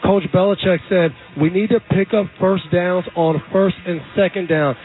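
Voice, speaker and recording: Male color analyst, casual and confident, fairly high pitch, phone-thin radio sound. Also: steady tone, moderate pace, faint music behind. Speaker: analyst, former player. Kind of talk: radio sports commentary. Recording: phone-like band-limited radio audio.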